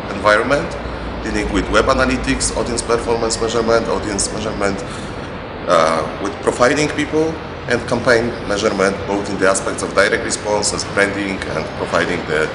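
A deep-voiced man in his forties with a Polish accent speaks earnestly, pausing often to search for words. He sounds like he is standing in a large hall, with a long echo and steady background ambience. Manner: earnest, hesitant with frequent fillers. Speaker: interviewee, research company representative. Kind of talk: conference interview. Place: large indoor banquet hall. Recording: echoey hall with room noise.

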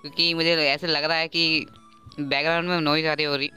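Guy joking through a game playthrough, doing his own rough dubs, earphone mic right up at his mouth, faint music under. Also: a little high, level tone, a little fast, sharp tone. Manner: joking, self-mocking, many fillers. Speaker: gaming YouTuber. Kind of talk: game playthrough commentary with amateur dubbing. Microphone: earphone mic held close to the mouth.

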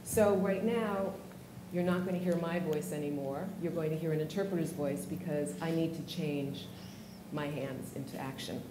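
Low-voiced woman moderator in a noisy, echoey hall. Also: fairly even intonation, moderate pace. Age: middle-aged. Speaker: panel moderator. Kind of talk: introductory speech at a panel discussion. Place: on stage in a large auditorium. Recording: echoey, noisy auditorium stage recording.

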